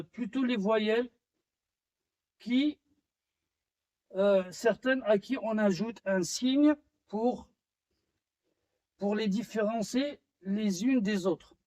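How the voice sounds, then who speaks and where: Male language teacher, high voice, halting and unhurried delivery with many fillers. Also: darkish tone, low-quality recording. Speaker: French teacher. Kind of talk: slow classroom-style lesson.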